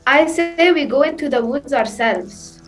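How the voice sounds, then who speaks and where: A worried, naive little girl, played by a woman, speaks in a high voice. It is comic fairy-tale stage acting over faint music. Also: animated, a little slow.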